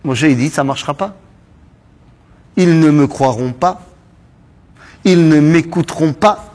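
A man teaching a lively Bible study class, asking quick rhetorical questions and mixing Hebrew terms into his talk. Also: a little high. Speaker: Torah teacher.

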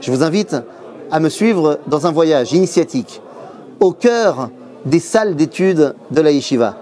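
A middle-aged man with a slightly high voice explains Torah in a busy yeshiva study hall. He teaches like a storyteller and briefly acts out the voices of the people he quotes. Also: expressive, a little slow, dark tone. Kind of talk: explanatory lesson to camera.

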